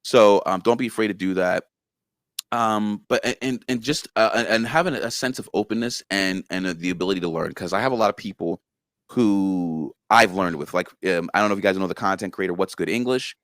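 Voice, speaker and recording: A man's voice: sits low, brisk, dry recording, studio quality. A man being interviewed about his story series, talking animatedly and repeating words as he thinks. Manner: animated, slips in and out of character voices. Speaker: guest, creator of a story series. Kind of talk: casual interview chat.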